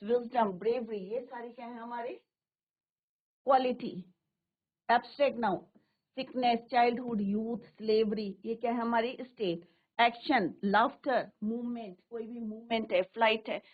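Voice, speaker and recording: A woman with a Hindi accent teaching an English lesson to a class. She keeps asking the students questions, answers them herself and says each English example slowly. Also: on the high side. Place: studio. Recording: tinny phone-like broadcast.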